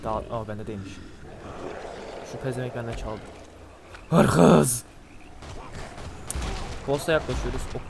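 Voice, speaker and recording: A man with a nasal, blocked-nose voice, casually commenting on a game he is playing, swearing and breaking into excitable outbursts. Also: medium pitch, a little slow, gravelly, pauses often, a little hiss or hum. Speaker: gameplay commentator. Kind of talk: casual let's-play commentary. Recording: gunfire and game music behind.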